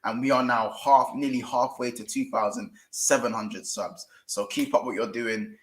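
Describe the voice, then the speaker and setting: A man's voice: medium pitch, fairly even intonation, normal speed. A man with a London accent hosting casual football talk, slangy and speaking straight to viewers. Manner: colloquial, slangy, addresses viewers directly. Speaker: host of a football fan show. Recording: roomy, echoey sound.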